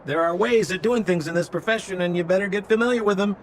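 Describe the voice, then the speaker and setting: Quick and high-pitched, a man performs a con-artist relic seller in a video game, all slick theatrics and wheedling patter. He sounds glib and confiding, and there's a slight hiss or hum on the track.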